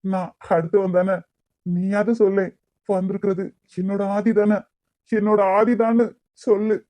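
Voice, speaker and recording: A woman's voice: mid-range voice, little pitch movement, moderate pace, mellow, natural voice. A woman voicing a grieving old grandfather in a cartoon, with a Kanyakumari Tamil accent, sorrowful and reproachful. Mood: pleading. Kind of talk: cartoon voice acting.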